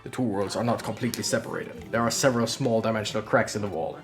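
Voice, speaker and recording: A streamer voicing Omnimon, a grave armored knight guardian, in a forced, strained deep voice with a formal, measured way of explaining. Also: music in the background, lightly acted. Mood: solemn. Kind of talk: game dialogue read aloud.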